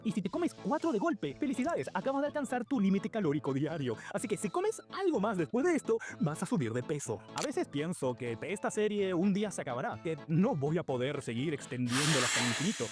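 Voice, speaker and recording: An Argentine man narrates a comedy video in a sarcastic, exasperated rant. His voice sits high and swings widely in pitch, and he talks at a quick clip. Faint music plays underneath. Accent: Argentine Spanish.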